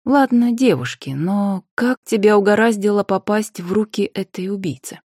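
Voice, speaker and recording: A woman playing a bold, sharp-tongued witch. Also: mid-range voice, no room sound, clean studio sound, lightly acted. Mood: brisk. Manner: brisk, commanding, quick retorts. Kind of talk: audiobook character voice.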